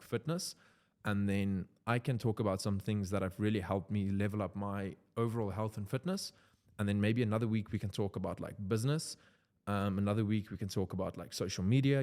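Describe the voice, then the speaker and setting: A young South African man, an Afrikaans speaker using English with a South African accent, rambles through an unscripted casual vlog packed with "like" fillers. His voice is fairly low with a darkish tone.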